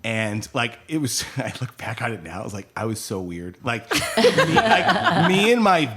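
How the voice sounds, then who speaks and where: Middle-aged male DJ guest, chatty storyteller from upstate New York, everyday mid-pitched voice. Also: wildly swooping pitch, a little slow, a bit bright. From Rochester, New York. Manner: chatty storyteller, acts out quotes. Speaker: DJ and radio host guest. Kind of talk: casual podcast interview.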